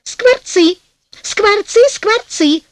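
A woman reading a storybook aloud, voicing a feisty wife with a shrill, insistent manner. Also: big pitch swings, normal speed, no room sound. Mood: indignant. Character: feisty young wife, quick to argue.

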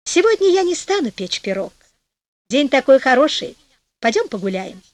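Feisty storybook wife, shrill and insistent, high voice, a woman reading. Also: sing-song, moderate pace, no echo. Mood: fond. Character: feisty young wife, quick to argue.

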